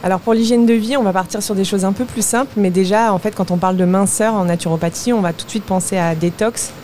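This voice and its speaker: A woman naturopath giving advice at a live talk, briskly listing foods and habits. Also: medium pitch, steady tone, warm tone, slight background noise. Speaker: naturopath guest.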